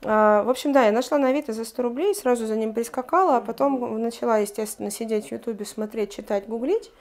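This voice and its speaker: A woman's voice: a little high, quick pace, a little mellow. A woman chatting casually about her houseplants at home, with lots of fillers and restarts. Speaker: plant collector showing her plants. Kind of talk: casual chat. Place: home, indoors among houseplants.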